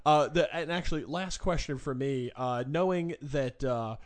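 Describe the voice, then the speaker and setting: A man's voice: on the high side, moderate pace. A man hosting a sports talk show, asking playful, rambling questions and plugging his guest.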